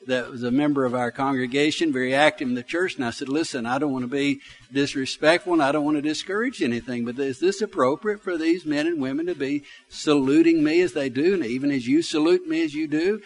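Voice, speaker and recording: A pastor in his sixties from Alabama, with a Southern US accent, preaches a sermon through folksy, conversational personal stories, repeating phrases for emphasis. His voice is on the high side, and he talks fast.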